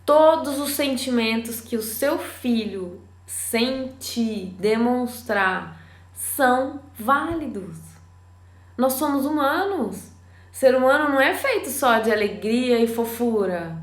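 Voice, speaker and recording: A Brazilian woman with a Brazilian Portuguese accent, a parenting educator talking to parents on a live stream, animated and full of rhetorical questions. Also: a little high, takes it slowly, roomy sound.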